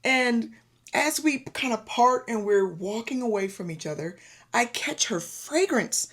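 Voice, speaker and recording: A woman vlogger telling a personal story in an animated, effusive way, calling her viewers y'all. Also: a little high, a little slow. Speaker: lifestyle vlogger.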